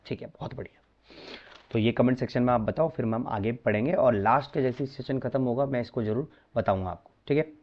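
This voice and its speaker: A man's voice: medium pitch, brisk, muffled recording. A man teaching a maths lesson in a chatty, coaxing way, often addressing students as brother.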